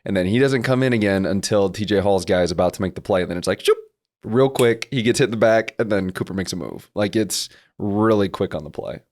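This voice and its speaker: A man's voice: fairly low pitch, fast talker, few pauses, a little mellow, a little hiss or hum. A man co-hosting a sports podcast, breaking down plays in a laid-back way. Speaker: podcast co-host. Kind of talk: casual sports podcast chat.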